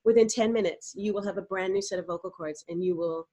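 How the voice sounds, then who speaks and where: A middle-aged woman who works as a voice coach gives animated, explanatory answers in a podcast interview, sometimes demonstrating vocal exercises. Her voice is mid-range and fast.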